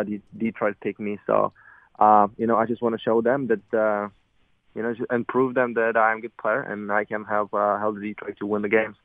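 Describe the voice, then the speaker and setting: A young man with a Czech accent calls in to a radio show, his voice pitched a little low. He answers in halting, hesitant English padded with fillers. The sound is a tinny, dry phone line. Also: dry recording. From Czech Republic. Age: young adult. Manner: halting, filler-heavy non-native English. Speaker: guest athlete. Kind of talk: call-in radio interview.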